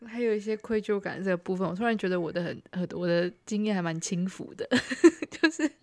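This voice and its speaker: A woman's voice: mid-range voice, a little fast, no room sound. Young woman, easygoing podcast co-host, dry close sound. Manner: relaxed, gives frequent short replies of agreement. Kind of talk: casual chat.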